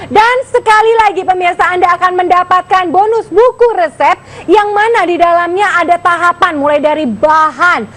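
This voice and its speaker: Very high-pitched infomercial saleswoman. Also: normal speed. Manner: gushing, excitable, addresses viewers directly. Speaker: home shopping host.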